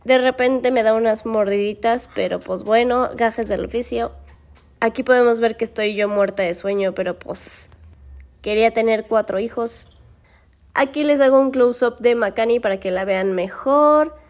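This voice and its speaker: A woman's voice: a little high, moderate pace, darkish tone. A woman, vlogging casually to camera about her pets, playful and often squealing and laughing. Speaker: pet vlogger. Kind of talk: casual vlog talk to camera.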